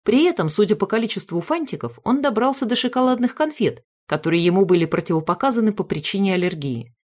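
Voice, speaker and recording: A woman reading aloud a humorous family story in the first person, with wry, lively storytelling. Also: medium pitch, fast. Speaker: audiobook reader.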